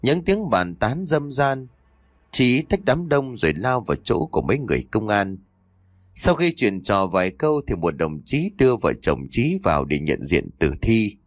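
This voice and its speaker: A man narrating a dramatic audio story in a scripted, expressive reading on a close mic. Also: lowish voice, normal speed, dry recording.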